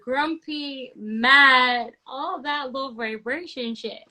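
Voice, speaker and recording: A woman's voice: high-pitched, takes it slowly, sharp tone, low-quality recording. A woman from Barbados in a casual chat, speaking earnestly, agreeing readily and laughing often.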